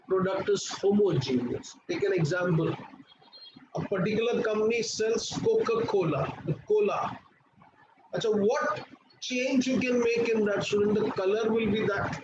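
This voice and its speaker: A man with an Indian accent giving an online class lecture, repeating points in a didactic way and prompting students with questions. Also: high voice. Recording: echoey room, muffled and noisy.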